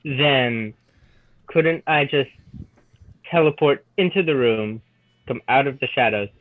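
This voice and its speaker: A man's voice: mid-range voice, slow, no echo. A man playing a tabletop game over a call, heard through a thin, tinny sound as if through a tin can phone, thinking aloud as he asks questions. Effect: tinny sound as if talking through a tin can phone. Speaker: player. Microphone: new phone with new headphones. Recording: tinny phone line, dry.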